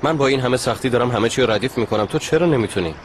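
A man's voice: mid-range voice, expressive, slight background noise, lightly acted. An actor dubbing a determined young man in love who insists on talking things out. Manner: insistent, earnest. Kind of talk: Persian dub of a TV drama.

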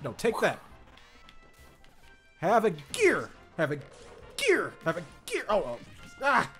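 A man hosting a casual gaming stream, excitable and laughing often as he plays and reads viewer comments. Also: high voice, slow pace, soft background music. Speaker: streamer host.

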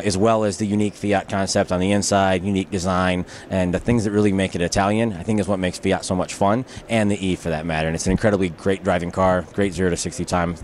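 Fast-talking deep-voiced man pitching cars. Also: a little hiss or hum. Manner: upbeat, salesy, uses "uh" fillers. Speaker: auto brand representative. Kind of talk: promotional interview answers. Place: busy indoor auto show floor. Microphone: handheld mic held by interviewer.

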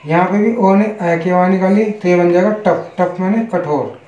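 A man with an Indian accent teaching English pronunciation, spelling each word letter by letter and giving its meaning in a slow, repetitive way. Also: high voice, darkish tone. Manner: spells words letter by letter, then gives Hindi meanings. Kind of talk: online English pronunciation lesson. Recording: echoey, dull lo-fi room.

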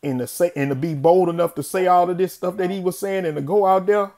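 A man's voice: high voice, fast, a little mellow. Man, host, casual chat, easygoing, slang-heavy. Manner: affirming with frequent murmurs and slang.

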